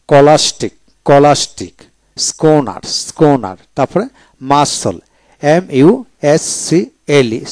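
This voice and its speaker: A man's voice: fairly high pitch, darkish tone, dry recording. A man teaching English pronunciation, spelling each word out letter by letter and repeating it. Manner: slow, drilling each word twice.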